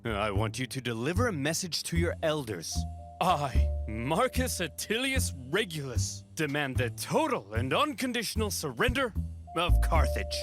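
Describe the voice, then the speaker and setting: A man's voice: a little high, sing-song, normal speed, music in the background. A man voicing a proud, impatient Roman general in a cartoon comedy skit, pompous and declamatory. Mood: pompous, demanding.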